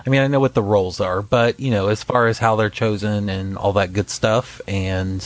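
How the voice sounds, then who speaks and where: A man co-hosts a podcast, laid-back and joking about a TV show, his talk trailing off into plenty of fillers. His voice is lowish and steady, at a moderate pace.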